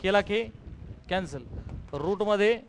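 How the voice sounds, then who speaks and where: A high-voiced man with a Marathi accent leads a physics class and drills his students with rapid questions. He keeps urging them to answer fast and calls them "beta." Faint traffic hums in the background. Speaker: physics teacher.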